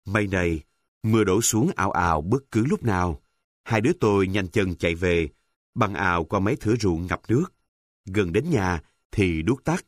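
A man narrating a story in a calm, measured, descriptive reading. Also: low voice, no echo.

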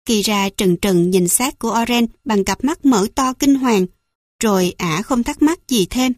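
A woman's voice: fairly high pitch, darkish tone, no room sound, clean studio sound. Woman narrating a dramatic fantasy audiobook. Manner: dramatic, emotional reading.

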